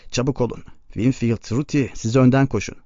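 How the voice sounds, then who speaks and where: A man reading the lines of a tired, steady farm father who speaks slowly and reassuringly. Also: medium pitch, dry recording, natural voice. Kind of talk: audiobook reading. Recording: dull lo-fi recording.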